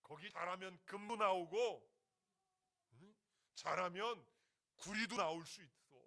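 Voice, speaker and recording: A man's voice: sits high, measured pace, sharp tone, pitched above the performer's own voice, exaggerated voice. A male pastor voicing a pushy friend who coaxes someone into an investment. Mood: coaxing. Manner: coaxing, persuasive.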